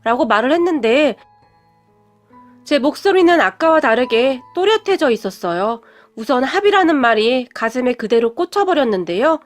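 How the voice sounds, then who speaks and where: A woman with a high voice tells a scripted first-person story in an even, steady way. Soft music plays quietly underneath her. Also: moderate pace.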